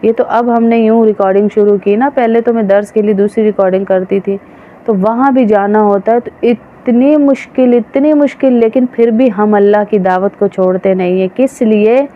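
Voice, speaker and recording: A woman's voice: mid-range voice, fairly even intonation. Woman preaching with rhetorical questions. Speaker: religious teacher. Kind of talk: sermon to women. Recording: dull, slightly noisy recording.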